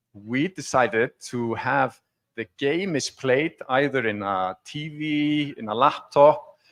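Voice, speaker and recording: A man from Iceland presents a technical demo on a conference stage before an audience, speaking in a mid-range, fairly bright voice. His manner is informal, explanatory and conversational.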